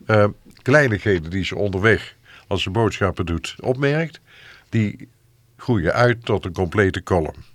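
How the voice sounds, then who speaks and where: A man's voice: lowish voice, expressive, unhurried, no echo. A man hosting a radio literature show, explaining thoughtfully with hesitant fillers. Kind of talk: radio book discussion. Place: radio studio.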